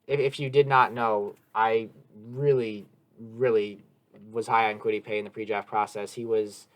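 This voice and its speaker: A man's voice: on the low side, steady tone, moderate pace. A man hosting a casual sports discussion podcast, talking eagerly and at length with emphatic analysis. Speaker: podcast host.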